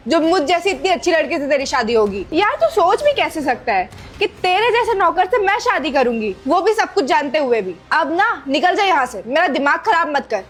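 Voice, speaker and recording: A woman's voice: sits high, very animated, normal speed, few pauses. A woman playing an arrogant young woman who insults and scolds a poor servant with contempt. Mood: scornful. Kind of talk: scripted skit acting.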